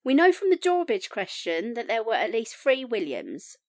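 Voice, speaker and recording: An actress playing an eager, helpful team adviser who explains things in a fantasy game drama. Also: female voice, a little high, sing-song, moderate pace, no echo, clean studio sound. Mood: eager, thoughtful.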